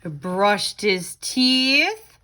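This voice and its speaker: Reading aloud to children, a woman tutor uses a sing-song storytelling style with chatty asides during an expressive read-aloud and craft lesson. Her medium-pitched voice is bright and forceful, and she speaks very slowly.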